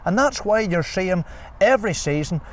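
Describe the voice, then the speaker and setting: An older man with a Northern Irish accent talks sport in a fairly high voice. He is emphatic and persuasive, repeating his points, with light outdoor traffic noise around him. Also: animated, moderate pace, rough recording. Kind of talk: unscripted sports interview.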